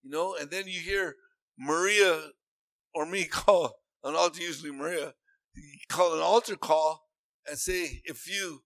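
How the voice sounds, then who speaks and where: A man's voice: on the high side, steady tone, a little slow, a bit bright, no echo. A man preaching a sermon in an earnest, repetitive way that rises into emphatic bursts.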